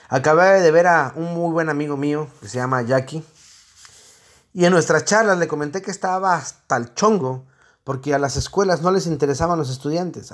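A man with a Mexican accent, a psychologist giving a blunt, sardonic spoken monologue. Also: a little high.

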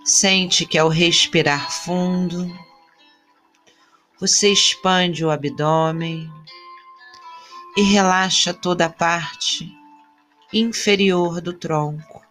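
Meditation guide: woman, low pitch, soothing, extremely slow delivery with long pauses between brief instructions. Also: fairly even intonation, a bit bright, soft background music. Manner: soothing, unhurried short phrases with long pauses. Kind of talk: guided body-scan meditation.

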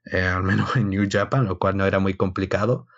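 A man's voice: deep voice, fairly even intonation, a little fast. A man giving casual, discursive wrestling analysis in a conversational way, often interrupting himself. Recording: slightly dull, lo-fi sound.

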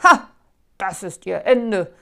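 A woman voicing a proud, blustering middle-aged homeowner in a storybook, given to loud exclamations. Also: medium pitch, sing-song, unhurried, full character voice.

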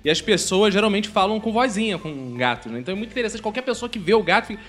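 A man's voice: high voice, very fast, faint music behind. A man with a Brazilian Portuguese accent, joking and teasing in a casual group chat. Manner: lively and joking, teases the others.

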